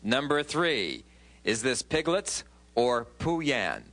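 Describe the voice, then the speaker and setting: A man's voice: medium pitch, sing-song, slow, very noisy. A man hosting a game show, speaking upbeat and directly to contestants as he announces questions and results. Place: television studio game show set.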